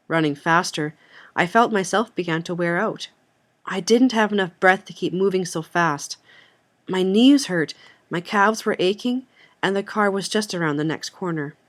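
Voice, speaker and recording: A young woman, a student, reading a memoir excerpt aloud in an earnest, steady way with the odd slip. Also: on the low side. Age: young adult. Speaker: student reader.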